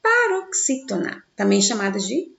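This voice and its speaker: Echoey, gravelly-voiced woman teaching grammar. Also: mid-range voice, sing-song, fairly bright tone. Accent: Brazilian Portuguese. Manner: slow, stressed syllables when sounding out words; asks the class questions and answers them herself. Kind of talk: recorded grammar lesson for children. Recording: dull, echoey room.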